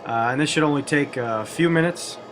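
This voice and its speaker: A man's voice: on the high side, a little fast, music in the background. A man hosting a cooking video, walking through a recipe step by step with wry, self-deprecating jokes. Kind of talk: cooking demonstration with jokey asides.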